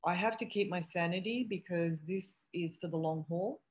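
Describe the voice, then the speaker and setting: A woman's voice: lowish voice, moderate pace, a little mellow. Candid woman on a video call. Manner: candid and reflective, with frequent restarts and "um"s. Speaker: eating disorder treatment center owner. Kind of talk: casual video call conversation.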